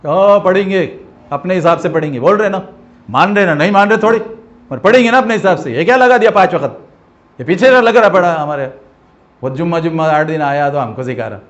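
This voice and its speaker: A man's voice: a little high, hardly any pauses, close to an everyday voice. A man voicing a dismissive middle-aged neighbour who scoffs and mocks a new convert. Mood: mocking. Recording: dull lo-fi recording.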